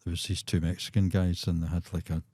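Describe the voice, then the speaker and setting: A man's voice: deep voice, flat delivery, fast, a little mellow, dry recording, studio quality. A Glaswegian man in his sixties, a musician guest on a podcast, telling road stories with chuckles and acted-out quotes. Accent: Scottish, Glaswegian. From Scotland. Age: 60s. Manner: chuckling raconteur, acts out quotes. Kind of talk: anecdotal storytelling in a podcast.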